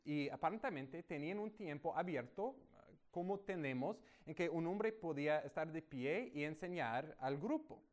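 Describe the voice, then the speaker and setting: A man preaching a sermon, teaching through a Bible passage verse by verse and raising his voice for emphasis. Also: moderate pace. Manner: animated, rises in pitch and volume for emphasis.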